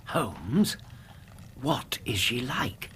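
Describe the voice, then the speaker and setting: British doctor sidekick, curious and amused, lively medium voice, radio drama, faint noise behind. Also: male voice, medium pitch, very slow. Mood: keen. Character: curious, amused English doctor, detective's loyal friend. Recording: faint background ambience noise.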